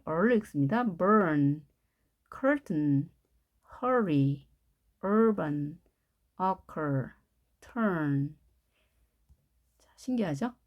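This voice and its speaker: A woman's voice: on the low side, a little mellow. A woman with a Korean accent teaching English pronunciation, explaining step by step and repeating each word. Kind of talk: classroom-style pronunciation lesson.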